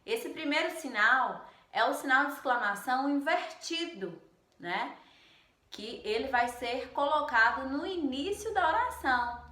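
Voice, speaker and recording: A woman teaches a Spanish lesson in her native Portuguese, explaining step by step and often checking in with a quick "né?". Her voice sits a little high and sounds bright and crisp. The recording picks up the echo of the room around her. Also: lively intonation. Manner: explanatory, frequent "né?" tag questions. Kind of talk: online language lesson.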